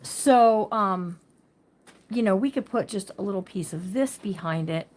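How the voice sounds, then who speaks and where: A chatty woman hosts a craft livestream, greeting her viewers by name and talking through her ideas as she works. Her voice sits at a middle pitch and tends to run a little loud. A faint hiss runs underneath. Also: expressive, a little slow. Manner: chatty, talks to viewers by name, thinks aloud; says she talks loud. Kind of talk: casual craft livestream chat.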